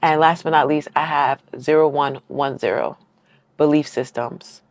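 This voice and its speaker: A woman's voice: deep voice, steady tone, a little slow, no room sound. A woman giving a casual collective tarot reading to her viewers. She talks in an encouraging, affirming way, keeps checking in with "right?", and is heartfelt, close to tears at times. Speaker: tarot reader.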